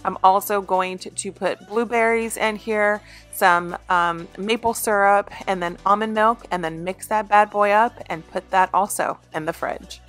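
A woman's voice: medium pitch, fairly even intonation, unhurried, hardly any pauses, a bit bright, soft background music. A woman in her thirties talking casually about her meal prep as a home vlogger, with many ums and restarts. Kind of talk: casual voice-over narration.

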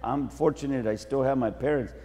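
A man's voice: mid-range voice, normal speed, mellow. A middle-aged male pastor giving a humorous bilingual sermon, telling stories in the manner of a preacher. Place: large conference hall. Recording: long hall reverb.

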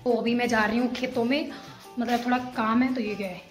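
A woman's voice: fairly high pitch, steady tone, brisk, soft background music. A young woman from Himachal Pradesh in India, chatting casually to viewers in her daily vlog as she walks through fields and her home, recorded on a handheld phone. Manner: chatty, playful, talks to viewers while walking. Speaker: vlogger. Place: outdoors, village fields and home.

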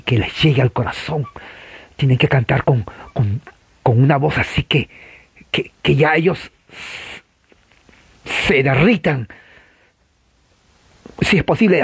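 A man teaching church history in an informal lecture, animated and conversational, with frequent rhetorical asides to the listener. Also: mid-range voice, breathy edge, no room sound.

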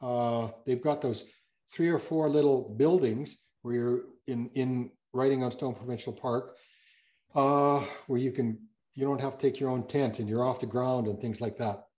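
A man's voice: mid-range voice, steady tone, moderate pace, warm tone. A man speaking as a guest geologist, answering audience questions on a video call in a rambling, self-correcting way with many fillers.

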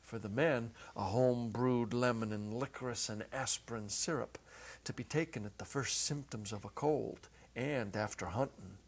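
With a slightly rough, mid-range voice, a middle-aged man narrates a short story as a theatrical dramatic reading. He varies his intensity from hushed to emphatic and pauses deliberately. He sits at a music stand on an indoor stage set, wearing a clip-on lapel mic.

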